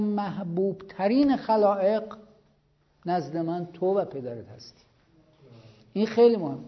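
A man with a high voice gives a religious lecture to a class of students. He talks in a conversational way and acts out the stories he tells. The recording is dull and lo-fi. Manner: conversational storytelling, acts out quoted exchanges. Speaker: cleric teaching seminary students.

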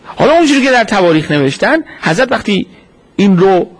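A man giving a sermon as a story, posing rhetorical questions and answering them himself. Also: high voice. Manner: acts out quoted speech in a lively retelling. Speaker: preacher.

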